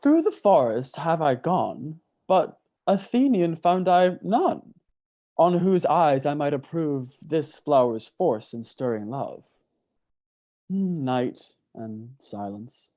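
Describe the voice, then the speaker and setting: A man playing a mischievous male sprite in an amateur Shakespeare read-through, speaking in hushed, gasping tones. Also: fairly high pitch, animated, takes it slowly. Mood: sly. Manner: hushed, gasping, sly delivery.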